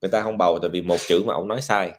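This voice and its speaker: A man's voice: low voice, fairly even intonation, racing, slight background noise. A man, a Buddhist monk, counseling a married couple, lecturing earnestly with rhetorical questions. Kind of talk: counseling session, mixing Vietnamese and English.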